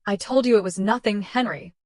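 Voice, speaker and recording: A woman's voice: medium pitch, fairly quick, no echo, clean studio sound, natural voice. A woman voicing a defensive young wife who insists and pleads, justifying herself. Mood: defiant.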